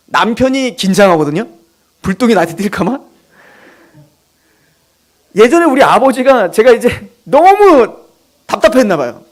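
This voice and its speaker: High-voiced, animated male preacher. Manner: animated, emphatic preaching with asides. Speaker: pastor. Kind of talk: sermon.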